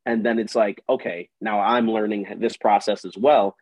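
Here a male interview guest, a musician and writer, keeps things casual and loose, sprinkling in slang and lots of "like". His lowish, slightly mellow voice holds a steady tone at a moderate pace. The audio is dull, close, dry and lo-fi, with no room sound.

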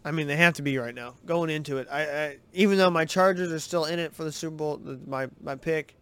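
A man hosting a sports podcast, giving excitable, rambling, profane commentary over game footage. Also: fairly high pitch, fast, clear, resonant tone.

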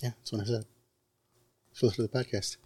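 A man's voice: lowish voice, little pitch movement, fast, darkish tone, husky, dry recording. A man improvising narration as the game master of a tabletop roleplaying game.

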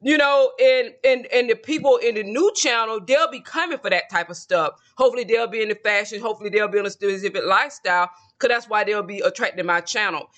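With hardly a pause, a man in his late forties who makes tarot videos talks quickly in a high-pitched, fairly bright voice. His casual solo monologue to camera is self-assured and rambling, returning again and again to the same points.

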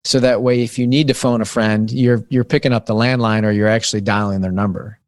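A guest author on digital wellness, a man in his late thirties, works through his ideas in a podcast interview, often restarting as he thinks aloud. His lowish voice is brisk with fairly even intonation, recorded dry with clean studio sound.

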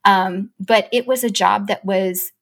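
A woman guest in an interview, telling a personal story in a warm conversational way, her voice jumping high with excitement when she quotes herself. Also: unhurried, creaky. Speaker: chief operating officer.

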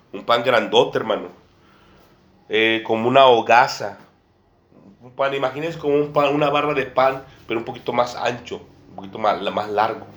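A male preacher speaks at a middle pitch, in a room with noticeable echo. He delivers his sermon in a repetitive way, circling back on his phrases and addressing his listeners again and again as brother and sister. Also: fairly bright tone. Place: church room with a table and a small congregation. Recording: echoey room.

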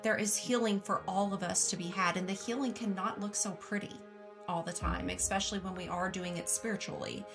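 A woman's voice: mid-range voice, steady tone, brisk, creaky, music in the background. A woman hosting a casual podcast interview, encouraging and affirming her guest. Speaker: podcast host.

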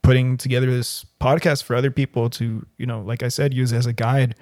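A man's voice: medium pitch, flat delivery, a little fast, darkish tone, dry recording, studio quality. Laid-back young man co-hosting a podcast. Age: young adult. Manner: laid-back, earnest, agreeable. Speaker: podcast co-host. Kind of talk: casual podcast chat.

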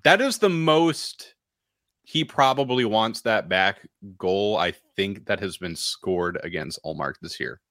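Low-voiced man in lively sports chat. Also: measured pace, no room sound, clean studio sound. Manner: animated, laughs often, swears casually. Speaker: podcast co-host.

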